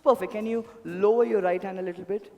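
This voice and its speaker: A man's voice: high voice, steady tone, quick pace, vocal fry, muffled recording. A man performing as a stage mentalist, talking to volunteers in a polite showman's patter. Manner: showman, polite, addresses volunteers with repeated pleas. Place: indoor event hall, on stage. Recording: echoey hall PA, music behind.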